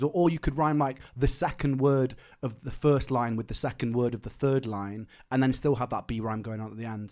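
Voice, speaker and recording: Guy rambling on his livestream, average pitch, lots of restarts and "like"s. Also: a little mellow. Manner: rambling, explaining production and rhyme technique; frequent restarts and fillers like "man". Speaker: musician streaming. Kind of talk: casual livestream chat.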